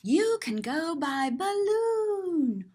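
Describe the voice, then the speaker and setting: Reading a picture book to children, this teacher and storybook reader playfully, expressively explains what the pictures show. Her voice is very high and a little mellow, swinging widely in pitch and moving very slowly. It's an animated read-aloud describing the pictures.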